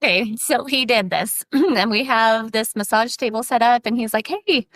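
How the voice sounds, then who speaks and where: A woman's voice: fairly high pitch, fairly even intonation, moderate pace, a bit bright, dry recording. Chatty woman telling a story. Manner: chatty, laughs often, acts out quoted talk. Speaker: podcast guest. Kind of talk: casual storytelling.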